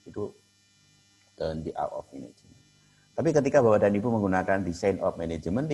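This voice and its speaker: A man lecturing adult learners, with frequent pauses and fillers. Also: deep voice, a little mellow, slightly rough, rough recording. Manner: addresses audience as Bapak dan Ibu, many fillers. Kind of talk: lecture on cooperative management.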